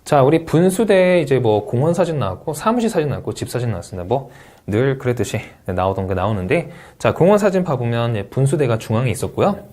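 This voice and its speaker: Man, test-prep instructor, lively intonation, encouraging, drills words by repetition. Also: mid-range voice, fast. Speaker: TOEIC Speaking instructor. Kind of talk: video lecture.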